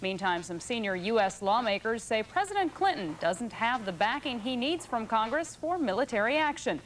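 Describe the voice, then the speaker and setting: A woman's voice: on the high side, very animated, moderate pace. A woman reading scripted television news as an anchor. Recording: faintly noisy early 1990s TV broadcast.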